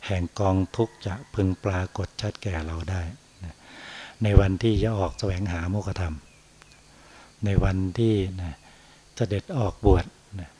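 A man, a Buddhist monk, giving an unhurried dharma talk on meditation and tagging his phrases with a soft particle. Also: sits low, slight background noise.

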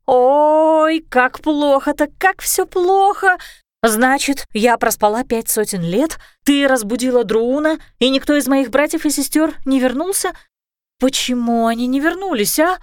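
A woman's voice: normal speed, dry recording, clean studio sound, natural voice. Sisu, a bubbly dragon girl , as a woman reads her. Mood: upset. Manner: bubbly, high and excitable. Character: chatty cheerful female dragon, excitable. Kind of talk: storybook reading.

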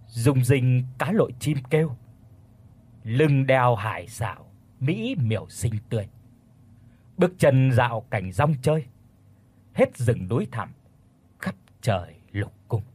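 A man voicing an eerie unseen singer who chants slowly and half-mumbled. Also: mid-range voice, very animated, a little mellow, breathy edge.

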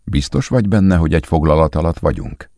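A man's voice: very deep voice, animated, mellow, dry recording, studio quality, pitched above the performer's own voice. A male narrator voicing a nervous, jumpy young male coworker in an audiobook. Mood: uneasy.

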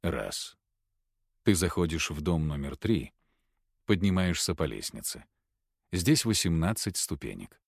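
A man voicing a calm, cold older male professor who hypnotizes a patient with slow, soft instructions. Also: low voice, gravelly, dry recording, studio quality, pitched below the performer's own voice, heavily acted. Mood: hypnotic. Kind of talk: audiobook character voice.

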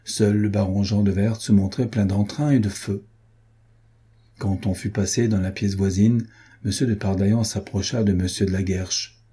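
A man reading a classic adventure novel aloud as an audiobook narrator, measured and literary. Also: on the low side, steady tone, warm tone, husky. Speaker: audiobook reader.

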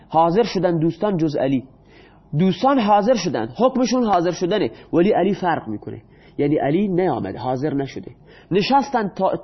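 A man teaches a grammar lesson with a high-pitched voice. He puts questions to the class and answers them himself, and he reads the example sentences out slowly. The recording sounds dull and muffled. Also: slightly rough. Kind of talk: explaining Arabic grammar in Persian.

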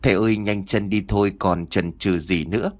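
A man's voice: lowish voice, fairly even intonation, normal speed, close to an everyday voice. A man voicing an anxious young male monk who pleads with his master to hurry, in an audio story. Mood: urgent.

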